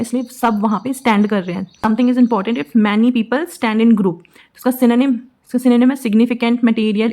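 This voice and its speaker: A woman teaching vocabulary in casual Hindi mixed with English, explaining memory tricks step by step and slowing down on key words. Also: a little high, darkish tone.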